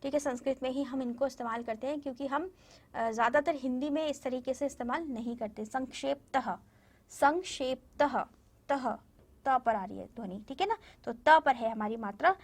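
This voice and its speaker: A woman teaching a Hindi lesson to young children. She repeats each word slowly and keeps asking the class questions. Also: high voice. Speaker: primary school Hindi teacher.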